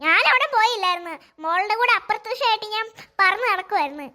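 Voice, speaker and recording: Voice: extremely high pitch, lively intonation, fast, heavy background noise, pitched below the performer's own voice. A performer voicing a magic Barbie doll in a cartoon, a doll girl who has grown big and talks in a curt, scolding way. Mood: soothing. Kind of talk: cartoon voice acting.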